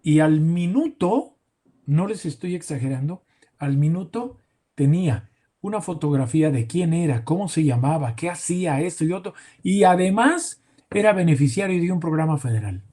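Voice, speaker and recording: A man hosting a casual interview, sharing an anecdote in an unhurried way. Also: on the high side, expressive, warm tone. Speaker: host.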